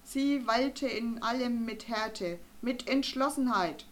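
A woman voicing a stern, pompous male doctor who lectures gruffly in an audiobook reading. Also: fairly high pitch, lively intonation, unhurried. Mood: stern declaiming. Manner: gruff, lecturing, then conspiratorial.

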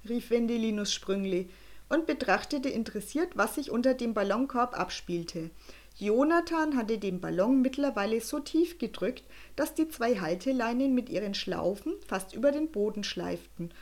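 Lively woman reading a children's story. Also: a little high. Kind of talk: audiobook narration of a children's story.

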